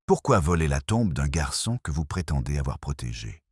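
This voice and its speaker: A man reading the lines of a shrewd, calm elderly woman detective in a storybook tale, speaking gently and measured. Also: a bass voice, slightly rough, dry recording, clean studio sound, exaggerated voice. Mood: quietly firm.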